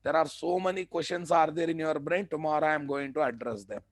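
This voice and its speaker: A man's voice: a little high, steady tone, fast, no room sound, studio quality. A man with an Indian accent teaching a live technical class, repeating phrases and posing questions that he answers himself. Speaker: software training instructor.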